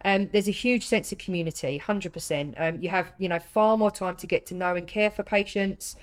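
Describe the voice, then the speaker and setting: A woman's voice: medium pitch, a little fast. A British woman hosting a conversational interview in an empathetic, chatty, affirming way. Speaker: interviewer and host.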